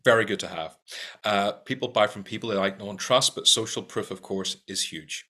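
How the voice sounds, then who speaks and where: A middle-aged sales trainer with a strong Irish accent gives practical tips in an upbeat talk to camera, repeating key points for emphasis. His voice is lowish, pushed and bright, at a normal speed.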